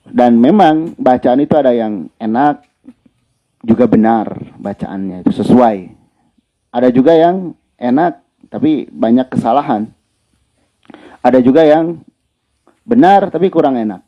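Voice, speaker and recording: A man's voice: mid-range voice, lively intonation, a little slow, pauses often. A male Quran recitation teacher gives a religious lesson in a conversational way, repeating his key points. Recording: dull lo-fi lecture recording.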